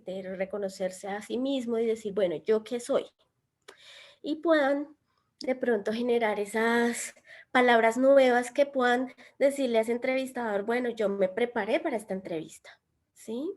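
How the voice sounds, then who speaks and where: A middle-aged woman, a trainer and former recruiter, leading an employability workshop in an animated, expressive way and asking the group questions. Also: on the high side. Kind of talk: lively instructional talk to a class.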